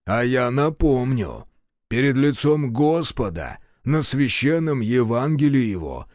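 A stern commander speaks slowly and firmly, each word weighty and loud, as a male reader gives him voice. The recording is dry and close. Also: medium pitch, no room sound. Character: stern forceful commander of rangers, grown man. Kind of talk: audiobook character voice.

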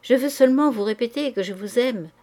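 A woman's voice: on the high side, a little fast, warm tone, voice pushed up, lightly acted. A woman reading aloud, voicing an ardent young man who urgently presses a married woman to see him. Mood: pleading. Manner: urgent, insistent pleading.

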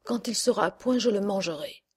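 A woman's voice: on the low side, level tone, moderate pace, darkish tone, lightly acted. A woman voicing a cruel, greedy old witch in a storybook reading, barking orders at the children. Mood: harsh commanding. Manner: harsh commanding cries.

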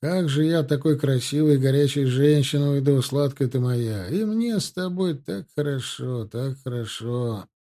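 A man's voice: medium pitch, animated, normal speed, hardly any pauses, dark tone, close to an everyday voice. A man voicing a young male cavalry lieutenant, plain and matter-of-fact. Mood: tender.

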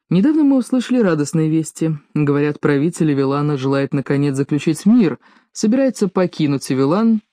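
A woman narrating an audiobook in an even, measured reading. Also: deep voice, dry recording, studio quality. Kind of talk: scripted narration.

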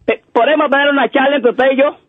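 A man's voice: very high voice, steady tone, quick pace. A man answering a prank call over a phone line, getting furious and spitting curses and insults. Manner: furious, cursing, shouting insults. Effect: heard over a phone line. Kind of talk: angry phone argument. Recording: muffled phone line with crowd noise.

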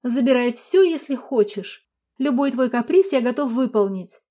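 Woman reading a patient husband in an audiobook, soft and coaxing, mellow tone. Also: fairly high pitch, lively intonation, moderate pace. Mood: soothing. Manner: gentle, persuasive tone. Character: calm adult male husband, soothing and patient.

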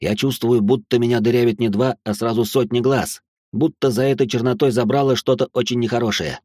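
A man's voice: mid-range voice, fairly even intonation, brisk, darkish tone, dry recording, studio quality. A man narrating a tense, action-filled story in the first person.

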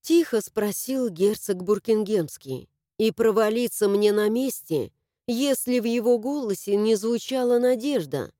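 A woman narrating a first-person audiobook in a lively, expressive way, close to the mic. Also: medium pitch, unhurried, no room sound.

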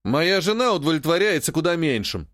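A male audiobook reader playing an irritated young nobleman who shouts and barks at his sister. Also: a little high, sing-song, fairly quick, no echo, studio quality. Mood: barking. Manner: shouting, barking, scornful. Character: irritated young nobleman, bullying older brother.

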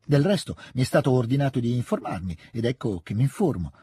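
A man voicing an eager, excitable teenage boy officer who talks in a rush, in a storybook reading. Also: mid-range voice, slightly rough. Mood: earnest. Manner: rushed, overeager, generous.

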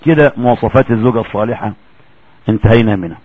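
A man with an Egyptian accent giving a recorded religious lecture in a colloquial, animated way. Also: lowish voice, racing, no echo, narrow, tinny audio. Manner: colloquial, animated, acts out quoted voices.

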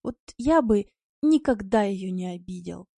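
A woman voicing a rough, quick-tempered yard tomcat who speaks gruffly and bluntly. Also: medium pitch, lively intonation, dark tone, no room sound, studio quality.

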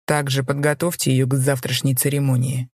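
A woman reading as a young male rebel lord who speaks low, cold and contemptuous. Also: steady tone, normal speed, a little mellow, no room sound, studio quality. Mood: restrained fury.

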